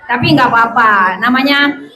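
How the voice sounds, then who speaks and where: A woman giving a lively classroom lesson to children as a religious teacher, often quizzing and hushing the pupils. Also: fairly high pitch, moderate pace. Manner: lively, calls out to hush and question pupils. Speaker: religious teacher at a school Ramadan camp. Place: school hall with children. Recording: echoey hall with background noise.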